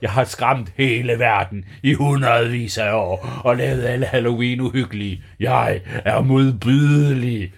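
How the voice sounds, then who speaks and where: Brief: man playing a tiny boastful pumpkin monster, deep and drawn out, husky, pompous and touchy in a bedtime story. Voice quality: deep, slow voice.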